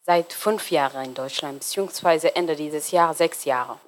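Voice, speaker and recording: A Somali woman in her twenties, for whom German is not a first language, speaks as a guest in a casual interview. Her voice is low, and she often pauses on fillers while searching for words.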